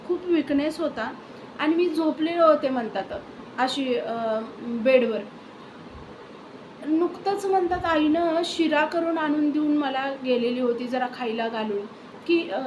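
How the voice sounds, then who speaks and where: A woman casually retelling a devotee's spiritual experience, with hesitant pauses and fillers. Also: high-pitched, a little mellow. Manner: hesitant, many fillers and restarts. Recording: roomy echo with faint background hiss.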